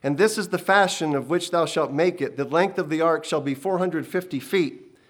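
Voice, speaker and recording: In a dramatic storytelling reading, a man voices a stern, commanding ancient deity proclaiming in solemn archaic speech. His voice is on the high side, booming and lightly acted, at normal speed.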